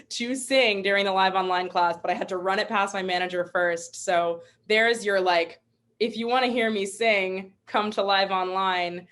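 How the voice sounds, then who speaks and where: Young female test-prep instructor, lowish voice, cheerful and encouraging, casual webinar teaching. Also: fairly bright tone. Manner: upbeat, encouraging, chatty with fillers. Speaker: MCAT instructor. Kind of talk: live online teaching webinar.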